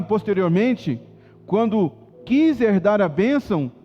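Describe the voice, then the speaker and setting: Brazilian pastor guy preaching, high voice, big echoey church, bit muffled, soft music under. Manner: animated, swings from soft to loud and emphatic. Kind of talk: sermon. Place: church auditorium.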